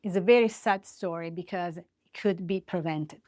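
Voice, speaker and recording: This woman hosts a true-crime series, narrating scripted stories in short, dramatic phrases. A native Italian speaker with an Italian accent, she has a fairly low, darkish voice at normal speed, captured in a dry, studio-quality recording.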